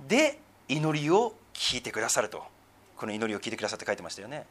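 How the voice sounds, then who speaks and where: A middle-aged man, a pastor preaching a sermon, who swings between emphatic raised passages and soft, murmured asides. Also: medium pitch, huge pitch swings, quick pace.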